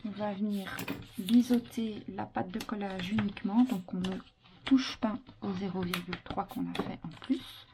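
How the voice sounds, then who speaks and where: A woman with a medium-pitched voice at a normal pace leads an informal, step-by-step craft tutorial, talking through instructions while working with her hands. The audio is clearly noisy, with handling clicks.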